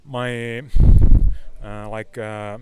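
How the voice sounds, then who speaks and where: A man in his thirties with a Finnish accent, a fighter giving a casual post-fight interview and haltingly searching for his English words. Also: fairly low pitch, little pitch movement, very noisy. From Finland. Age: 30s. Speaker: MMA fighter being interviewed.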